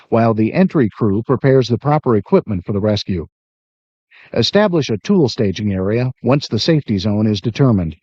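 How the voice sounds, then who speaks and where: A man giving measured, scripted narration for a training video, his voice wavering with a wobbly warped-tape warble. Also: mid-range voice, darkish tone, no room sound, muffled recording. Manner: measured, instructive.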